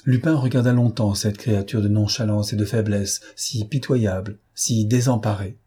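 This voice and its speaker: A man narrating a novel as an audiobook in a measured, expressive way. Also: on the low side, slightly rough. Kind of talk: novel reading.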